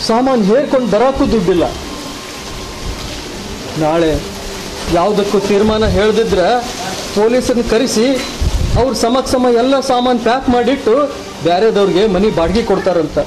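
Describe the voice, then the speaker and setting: A man's voice: high-pitched, moderate pace, long pauses, background noise, natural voice. An actor playing a worried family man who cannot pay his rent, speaking wearily. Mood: weary. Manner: weary, despairing. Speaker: husband.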